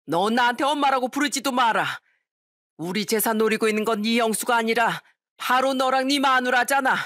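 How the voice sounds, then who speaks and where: A woman reading an audio story, voicing an elderly mother-in-law who shouts down her son and his wife. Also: on the high side, no echo, studio quality, pitched above the performer's own voice, natural voice. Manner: shouting, scolding.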